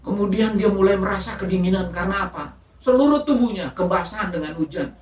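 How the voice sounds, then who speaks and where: Animated woman preacher telling a story. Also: medium pitch, brisk, echoey room, far from the mic. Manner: animated storytelling, often addressing the congregation as saudara. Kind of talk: sermon with storytelling. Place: church.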